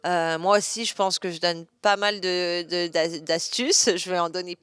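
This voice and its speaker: Young woman, interview guest; smooth, clear tone, dry close sound, chatty with many fillers. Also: fairly low pitch, fairly even intonation, moderate pace, fairly bright tone, no room sound. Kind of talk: casual interview answers.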